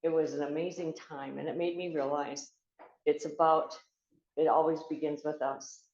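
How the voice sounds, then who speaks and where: An older woman from the United States tells a personal story in a very low voice. She speaks earnestly and haltingly, full of fillers and restarts. The recording is echoey and a little dull. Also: level tone, a little mellow. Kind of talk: reflective spoken storytelling.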